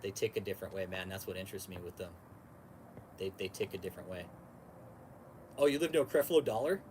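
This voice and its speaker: A Californian man who hosts podcasts and livestreams talks quickly and straight to his viewers in a fairly low voice. His loose, slangy bro-talk repeats itself and includes free swearing, with clear background noise underneath.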